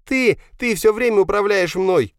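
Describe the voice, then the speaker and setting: A man voicing a resentful young son who shouts shrilly and sobs in fury. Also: high-pitched, normal speed, no room sound, clean studio sound, voice pushed up, close to an everyday voice. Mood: hysterical.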